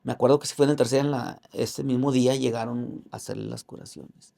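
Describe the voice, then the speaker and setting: A man telling a personal faith testimony in an interview, earnest and halting, with religious fervor, acting out other people's words in raised voices. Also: medium pitch, steady tone, gravelly, dark tone. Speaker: interview guest.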